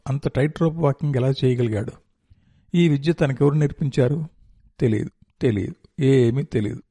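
A man narrates a tense story in a dark, mellow voice, reading it aloud with intensity and measured pauses. The sound is dry and close, with no room around him. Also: medium pitch, dry recording.

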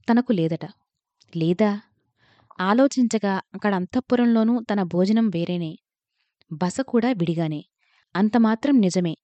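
Warm-voiced woman reading a literary story. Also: medium pitch, no echo. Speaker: narrator. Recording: dull lo-fi, dry recording.

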